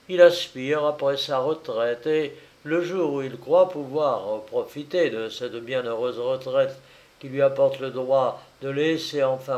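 A man reading a literary story aloud as an audiobook narrator, with a measured and wry storytelling delivery. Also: mid-range voice, darkish tone.

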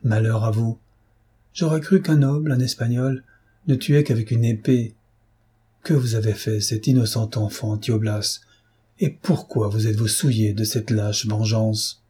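A man's voice: lowish voice, steady tone, measured pace, dark tone, slightly rough. A man reading aloud, voicing a young French chevalier who speaks in a stern, accusing manner. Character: young indignant French chevalier, proud swordsman. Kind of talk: audiobook reading.

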